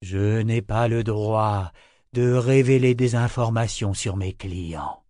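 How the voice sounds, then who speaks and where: Man voicing a slow liquid-silver creature. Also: fairly low pitch, dry recording, clean studio sound. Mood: impassive. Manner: slow, measured, flat.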